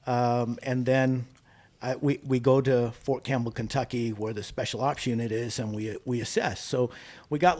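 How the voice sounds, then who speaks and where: An easygoing man starting a story in plain, casual podcast talk, with a middle-pitched voice and the odd filler. He is a veteran pilot guest. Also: darkish tone. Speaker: special ops pilot guest.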